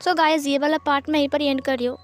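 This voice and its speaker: A woman reading fan fiction aloud as a storyteller in a plain, steady manner. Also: high voice, fast, faint music behind.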